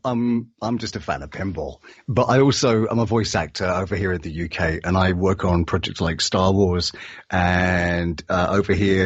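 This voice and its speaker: Brief: middle-aged English guest, joking and self-mocking, husky voice, dull lo-fi remote audio. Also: male voice, deep voice, no echo. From England. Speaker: voice actor guest. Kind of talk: casual interview chat. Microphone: remote video call.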